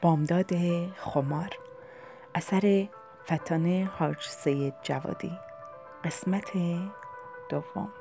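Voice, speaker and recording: A woman reading a novel aloud as an audiobook narrator, slow and deliberate. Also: low-pitched, creaky, over music. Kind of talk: scripted narration.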